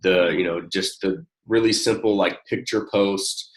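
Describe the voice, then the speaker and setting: Coaching someone one-on-one, the network marketing coach speaks in a low, easygoing, supportive voice. His phrasing is halting and informal, doubling back as he goes, and the tone stays even throughout.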